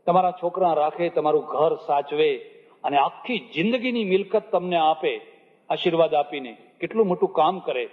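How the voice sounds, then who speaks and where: An older Gujarati-accented spiritual teacher giving a storytelling discourse, acting out dialogue with humorous asides. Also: male voice, animated, moderate pace. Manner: acts out dialogue with shifting pitch, humorous asides. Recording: phone-like audio in a reverberant hall.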